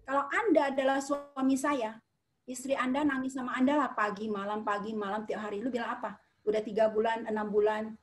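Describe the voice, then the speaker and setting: A middle-aged woman from Medan giving a motivational talk to an audience, emphatic and repetitive, swinging between loud and quiet. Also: a little high, steady tone, brisk. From Medan, Indonesia. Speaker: motivational speaker.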